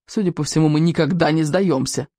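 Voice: medium pitch, expressive, a little fast, dark tone, no echo, studio quality, close to an everyday voice. A reader voicing a worried, earnest young Viking boy who pleads urgently. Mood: gloomy.

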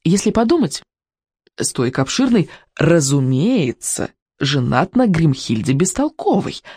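A woman voicing a frightened young viking boy who calls out urgently in a raised, high voice. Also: very animated, a little slow, warm tone, breathy edge, no echo, clean studio sound, heavily acted. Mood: nervous.

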